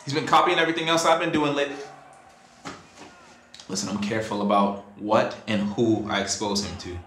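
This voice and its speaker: A man's voice: on the low side, brisk, a bit bright, slight background noise, natural voice. A man playing a blunt, defensive young father in a web series drama.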